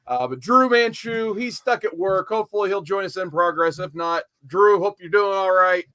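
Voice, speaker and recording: A man hosting a live comic-book stream, introducing his guests in a lively, upbeat casual chat over a home mic. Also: sits high, moderate pace, no room sound, studio quality. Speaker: podcast host.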